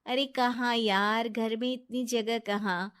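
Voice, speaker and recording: A woman's voice: a little high, fairly even intonation, slow, a bit bright, clean tone. A woman voicing a trusting, kind young married woman who talks earnestly, in a storybook drama.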